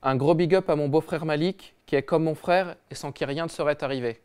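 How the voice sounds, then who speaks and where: A man voicing a dim football star reading his own clumsy, ungrammatical letter slowly. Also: on the high side, background noise, natural voice. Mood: sheepish. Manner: slow, ungrammatical, mumbling.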